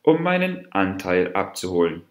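A man's voice: low voice, sing-song, normal speed. A man voicing a scheming male monkey from a fable, wheedling and mock-friendly in a roomy space. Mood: sly. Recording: roomy echo.

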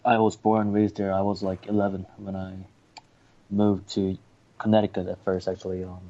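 A Korean-born baseball writer from South Korea, a native Korean speaker, joins a casual interview as a guest and speaks English hesitantly and politely, using lots of fillers. His low, mellow voice is completely flat and moderately paced. The remote line sounds dull and lo-fi.

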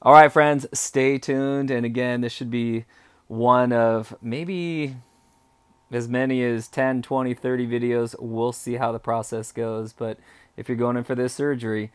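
Clear-voiced man talking through a casual vlog. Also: medium pitch, fairly even intonation, unhurried, no room sound. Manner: conversational, explanatory walk-through. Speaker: vlogger. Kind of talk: casual first-person vlog talk. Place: small room, bedroom, indoors.

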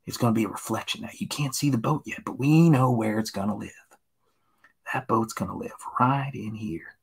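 A man from Tennessee talks his way through a painting on a live stream in a slightly husky, mid-pitched voice. His patter is gentle and reassuring, and he often drops to a near whisper while he works the brush. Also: moderate pace. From Tennessee, USA. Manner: soft, gentle encouraging patter, often sliding into a hushed whisper.

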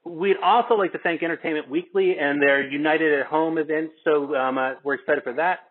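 A co-host reads out scripted narration and introductions, his voice on the high side, steady in tone and a little fast. He is on a remote video call, and the audio comes through tinny and phone-like.

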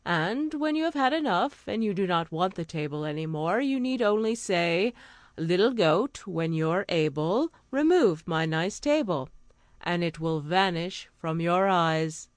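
A woman doing a wise old woman from a fairy tale, calm and reassuring, in a slightly lower, dry-recorded voice. She talks steadily and kindly. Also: measured pace, dry recording.

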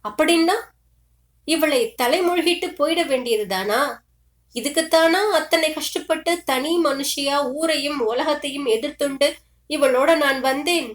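A woman's voice: sits high, measured pace, roomy sound. Woman voicing a tearful grieving mother. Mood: bitter anguish. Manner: tearful, pleading, bitter complaints.

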